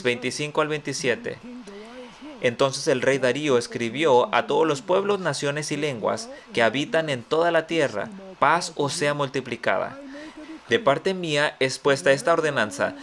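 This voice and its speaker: A man's voice: medium pitch, a bit bright. A man preaching a sermon as pastor, reading scripture aloud and quizzing listeners with rhetorical questions. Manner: reads scripture aloud, then comments.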